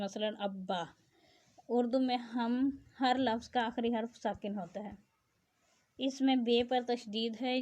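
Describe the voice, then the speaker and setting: A woman's voice: fairly high pitch, darkish tone. A woman teacher reads out a grammar lesson and explains it in plain asides. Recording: dull lo-fi sound.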